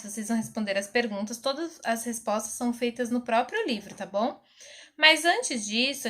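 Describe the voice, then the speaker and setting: A young Brazilian woman teaching a recorded class to children, speaking slowly and patiently and sounding words out syllable by syllable. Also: on the high side, a bit bright. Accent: Brazilian Portuguese. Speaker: primary school teacher.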